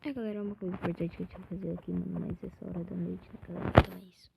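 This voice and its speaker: A drowsy, slightly hoarse voice with a Brazilian accent, female-sounding, speaking in a hushed way in a casual late-night update to gaming viewers. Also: mid-range voice, level tone, rapid-fire. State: very sleepy. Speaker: video creator. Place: in bed in a dark bedroom at night. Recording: dull lo-fi audio, loud noise, clicks.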